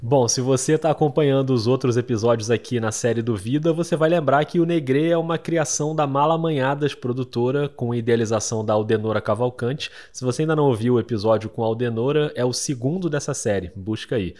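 A man's voice: medium pitch, fast, hardly any pauses, darkish tone. A man hosting a podcast, introducing his guests in an enthusiastic and admiring scripted narration. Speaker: podcast host.

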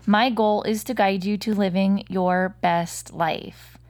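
A woman's voice: medium pitch, steady tone, slow, a little mellow. Upbeat woman in her thirties, podcast host, encouraging casual delivery. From American Midwest.

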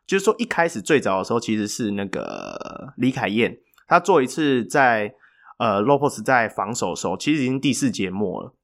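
A man, co-hosting a podcast and telling a story in a chatty, animated way with filler pauses. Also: mid-range voice, vocal fry. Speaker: podcast co-host. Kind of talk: casual storytelling chat.

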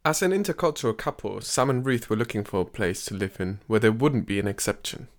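A lowish-voiced man narrates a scripted podcast documentary, keeping a measured delivery and lifting his voice whenever he quotes someone.

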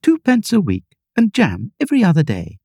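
A woman plays a contrary, vague queen from a storybook. The voice is husky and mellow, swinging widely in pitch, with a lofty matter-of-fact way of laying down rules. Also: wildly swooping pitch, moderate pace, no room sound, clean studio sound, full character voice. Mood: vague, sighing.

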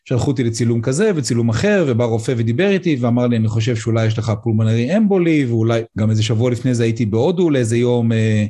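Middle-aged doctor guy on a podcast, dark mellow voice, lots of uhs. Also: mid-range voice, animated, hardly any pauses. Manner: hesitant, frequent "uh" fillers. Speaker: guest, emergency medicine physician. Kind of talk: podcast interview, personal account.

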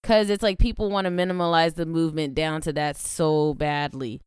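A woman with a lowish, smooth voice chats casually as a podcast co-host. She speaks bluntly, swears freely and slips into sarcasm. The sound is close and dry. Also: fairly even intonation, normal speed, dry recording. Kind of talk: casual chat.

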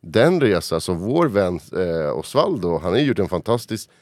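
Brief: male podcast host, very low voice, relaxed and deadpan. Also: no room sound. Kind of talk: casual podcast chat.

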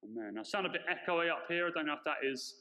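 High-voiced male pastor, earnest prayer, echoey church hall sound. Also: expressive, fast, sharp tone. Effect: big hall echo on his mic.

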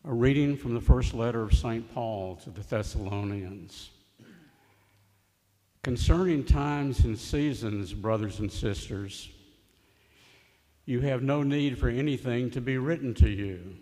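Slow, mellow male lector in church reverb. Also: medium pitch. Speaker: lector at Mass. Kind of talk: measured scripture reading. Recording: long echo of a large church.

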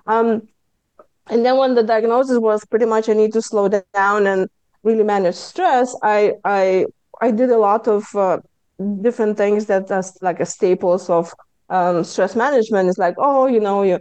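A stress management coach with a Lithuanian accent speaks in a slightly high, clean voice, telling her story candidly and earnestly in a podcast interview and breaking into lively self-quotes. The recording is dry and low in quality.

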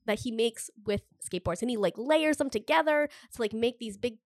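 A woman's voice: a little high, brisk, dry recording, clean studio sound. A woman co-hosting a podcast in casual chat, slightly congested, gushing with enthusiasm and saying "like" a lot. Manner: gushing, enthusiastic, heavy use of "like". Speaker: podcast co-host.

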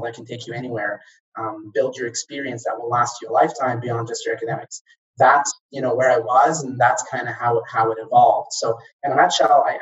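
An Egyptian man raised in Kuwait, now a guest and former franchise operator, recalls his early career in a conversational interview. He sounds hesitant, with frequent fillers and restarts, in a mid-range voice captured with distant, dull lo-fi audio.

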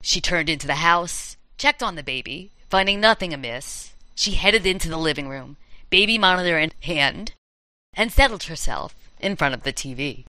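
A woman's voice: low voice, expressive, moderate pace, sharp tone, no echo, rough recording. A woman hosting a chat, telling campfire horror stories in a dramatic, playful way. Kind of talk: storytelling in casual chat.

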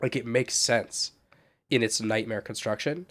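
A man's voice: medium pitch, unhurried, fairly bright tone. A man with a stuffed-up nose from a cold co-hosting a podcast, talking casually and hesitantly with many restarts. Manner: hesitant, restarts and stacked fillers. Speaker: podcast co-host. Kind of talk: casual chat.

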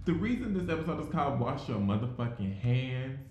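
A man co-hosting a casual podcast, wry and quick with short agreeing asides. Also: medium pitch, big pitch swings, darkish tone, roomy sound, slight background noise. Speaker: podcast co-host.

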